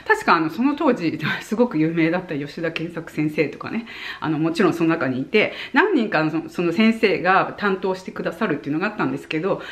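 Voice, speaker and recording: Lively, chatty woman in her forties. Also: medium pitch. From Japan. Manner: chatty, with many soft fillers and friendly asides; animated, demonstrating points with voice tone. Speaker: vlogger. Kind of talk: casual advice talk to camera.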